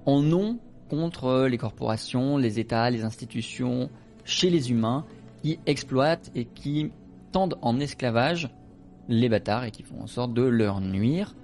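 A man running a tabletop role-playing game as game master, with measured, mock-formal phrasing. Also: medium pitch, darkish tone, soft background music.

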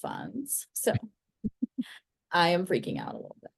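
A woman with a notably low voice co-hosts a podcast, chatting loosely and breaking off into "like" and "um." She sounds easygoing and conversational. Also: huge pitch swings, measured pace, vocal fry, slightly rough. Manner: chatty, hesitant, with laughs. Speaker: podcast co-host. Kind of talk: casual chat.

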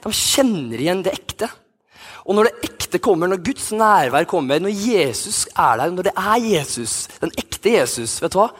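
A man's voice: sits high, big pitch swings, husky. A man in his thirties, a youth pastor, telling a personal story in a sermon with many restarts and fillers. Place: church hall.

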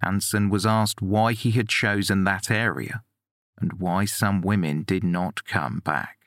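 Low sober male true-crime narrator. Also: measured pace, fairly bright tone, no echo, clean studio sound.

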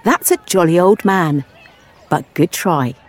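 A woman's voice: fairly low pitch, expressive, a little slow. A woman reading the lines of a friendly adult female lifeguard who is amused and encouraging. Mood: amused, upbeat.

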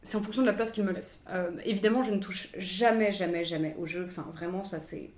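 A woman's voice: fairly low pitch, a little fast. Woman with a roomy, echoey sound. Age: 20s. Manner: hesitant, many fillers and restarts. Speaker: language coach for actors. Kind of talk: interview answers.

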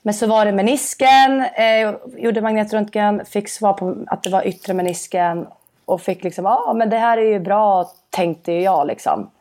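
Animated woman telling her story. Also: medium pitch. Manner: animated storytelling, acts out quoted dialogue. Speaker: interview guest, padel player. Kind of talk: casual interview.

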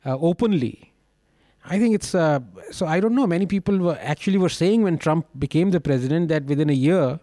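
A man speaks as a panelist in a casual political discussion. His voice is fairly high and mellow, recorded dry. He talks haltingly, often searching for the next word. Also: lively intonation, dry recording.

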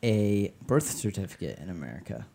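A man's voice: fairly low pitch, sing-song, a little fast, gravelly, warm tone. A man co-hosting a podcast in casual chat, teasing his partner with dry banter. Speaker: podcast co-host.

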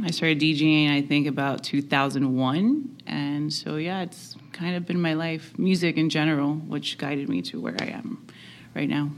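A woman from Miami, a podcast guest chatting casually and laughing easily. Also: deep voice. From Miami, United States. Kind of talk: casual interview chat.

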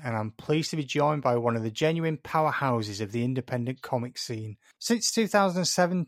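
Matey male podcast host, slightly gravelly. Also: medium pitch, no echo, clean studio sound. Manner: matey, informal, mild swearing. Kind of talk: hosting a podcast interview.

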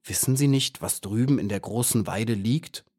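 A man's voice: on the low side, normal speed, darkish tone, breathy edge. Doubting old centipede, read by a man. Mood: fussy. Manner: pedantic, forever doubting. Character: fussy, doubting male centipede. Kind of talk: audiobook character voice.

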